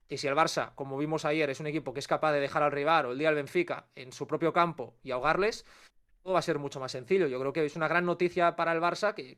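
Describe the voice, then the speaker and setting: A man with a Spanish accent, a football pundit giving quick, analytical commentary on a sports talk show. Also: a little high, a bit bright. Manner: fast, analytical, dense run-on sentences.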